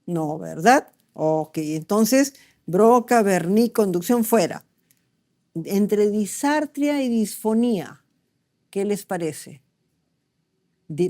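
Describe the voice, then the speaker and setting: A woman's voice: lowish voice, darkish tone. A middle-aged woman gives a medical lecture, asking the class questions and checking in with them often.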